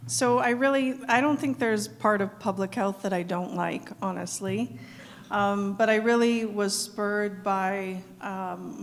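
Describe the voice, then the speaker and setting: Being interviewed at a live evening event in an event hall, this middle-aged woman from South Dakota, an executive director, responds earnestly with plenty of ums. She speaks in a mid-range voice, with long hall reverb and slight background noise.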